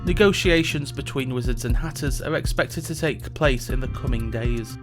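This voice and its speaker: Over background music, a man voices a reluctant, sardonic mage hosting a tourism show, reading scripted comic narration peppered with dry, sarcastic asides. His mid-range voice moves at normal speed and sounds close to everyday speech. As a podcast host, his mood is wry.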